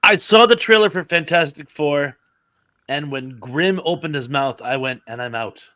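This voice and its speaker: A man on a casual panel chat, lively and wry with sarcastic asides. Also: fairly high pitch, normal speed, no room sound. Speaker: panel co-host.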